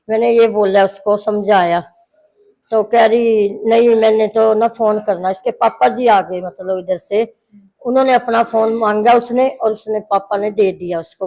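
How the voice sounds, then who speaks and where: A woman's voice: mid-range voice, mellow, low-quality recording. A middle-aged woman with a mid-range voice recounts a family quarrel at length. She keeps quoting the words each person said, in a plain narrating way. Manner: long narration full of quoted dialogue. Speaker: interviewee, mother-in-law.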